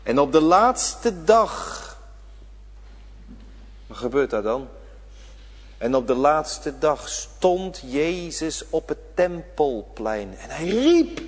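Man preaching, lively pitch swings, long church reverb, hushed then shouting. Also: slow pace. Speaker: pastor. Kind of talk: sermon.

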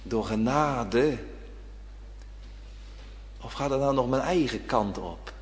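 A man preaching a sermon with great passion, dropping to a hush and then rising to a shout. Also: mid-range voice, lively intonation, slow pace. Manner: impassioned preaching, swinging between hushed and shouted. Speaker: pastor. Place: church. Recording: church hall reverb.

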